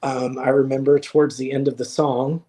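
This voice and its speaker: Man, young adult, earnest, reflective, hesitant pauses, mid pitch, video call guest. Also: flat delivery, dark tone. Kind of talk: casual chat.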